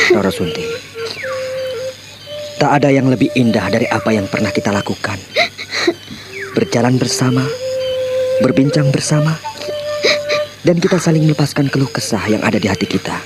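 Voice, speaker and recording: A man's voice: mid-range voice, close to an everyday voice, poor audio. An actor playing a young man who tenderly coaxes and comforts his beloved in a radio drama. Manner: tender, coaxing. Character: young man, gentle devoted lover, hero. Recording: radio drama with loud music behind.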